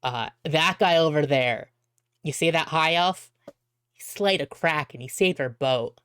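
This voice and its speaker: A drunken sailor bellows his boasts across a tavern, played by a woman. His voice sits low and sounds close and dry. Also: unhurried, smooth, no room sound. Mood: boastful. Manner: loud, slurring boast. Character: tipsy loud male sailor.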